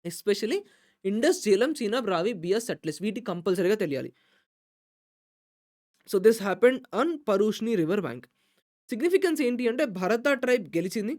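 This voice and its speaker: A woman tutor giving an exam-prep lecture. She switches between Telugu and English, rushing through the Telugu and slowing down for the English, and keeps stressing which points are important. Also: medium pitch, lively intonation, a little mellow.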